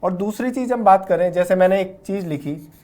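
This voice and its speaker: A man's voice: sits high, fairly quick, a little mellow. Patient man teaching vocabulary. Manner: explains patiently, ends points with a checking "okay?"; mixes English words into Hindi speech. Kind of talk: classroom lecture explaining word roots.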